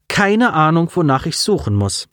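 Man voicing a tearful, resolute young man, raised pitch, audiobook. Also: big pitch swings, moderate pace, fairly bright tone, no echo, studio quality. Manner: tearful but firm.

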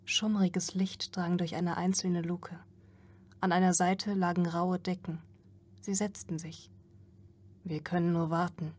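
A woman's voice: lowish voice, darkish tone, slightly rough. A woman narrating an audiobook in a tense, dramatic reading.

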